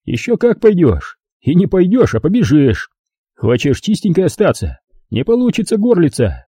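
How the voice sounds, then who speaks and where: A menacing drunk gang leader, voiced by a man reading a storybook aloud. He snarls crude threats in a husky, dark voice. The sound is dry and close. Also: high voice, huge pitch swings, normal speed, no room sound, pitched above the performer's own voice, full character voice.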